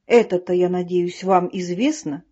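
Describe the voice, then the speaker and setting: A woman voicing a vain, pompous male ladybug poet who declaims slowly. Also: fairly low pitch, fairly even intonation, dark tone, husky. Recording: dull lo-fi recording.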